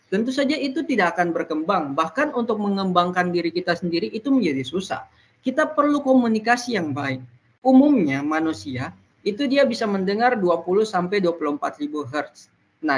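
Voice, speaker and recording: A presenter giving an educational talk to peers, explaining point by point with frequent pauses on "nah". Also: mid-range voice.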